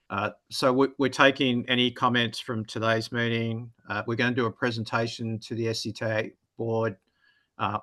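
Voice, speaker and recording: A man's voice: on the low side, sharp tone. A man with a Boston accent answering questions at a public meeting as a project consultant. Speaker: project consultant presenting a study.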